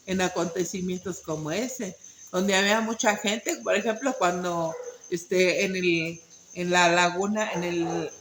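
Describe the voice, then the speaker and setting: A woman's voice: medium pitch, reverberant, slight background noise, poor audio. A woman teaching an informal Bible study, talking conversationally with many fillers and tag questions.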